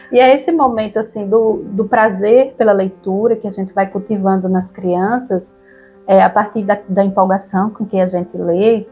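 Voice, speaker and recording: Husky Brazilian woman chatting, tag questions. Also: medium pitch, fairly even intonation, unhurried, dark tone, soft background music. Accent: Brazilian Portuguese. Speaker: podcast co-host. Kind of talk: casual conversation about reading aloud.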